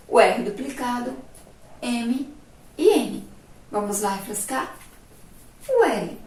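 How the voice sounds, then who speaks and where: Slow patient Brazilian teacher woman. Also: a little high, a little mellow, reverberant, distant mic, slight background noise, rough recording. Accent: Brazilian Portuguese. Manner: slow, patient, explains step by step with rhetorical questions. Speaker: primary school teacher. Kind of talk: remote classroom lesson.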